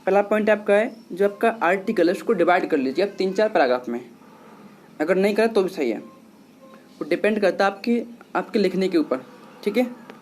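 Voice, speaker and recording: Man, high-pitched, patient teacher, repetitive explaining. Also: lively intonation, moderate pace, pauses often, a little mellow, a little hiss or hum. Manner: patient, repetitive, addresses students as children. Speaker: English teacher. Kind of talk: classroom lesson, explaining.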